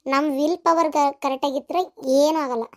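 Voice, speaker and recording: Woman voicing cartoon village women, North Karnataka Kannada accent, very high squeaky pitch, shrill and exclaiming. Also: fairly even intonation, normal speed, close to an everyday voice. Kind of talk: cartoon voice acting.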